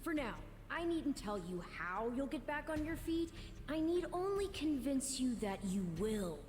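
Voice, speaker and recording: An arch, childlike otherworldly being from a video game. The voice is fairly high and swoops expressively, condescending yet playful. It rings in long reverb over noisy ambience. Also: female voice, sing-song, measured pace. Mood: teasing. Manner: formal, arch, teasing.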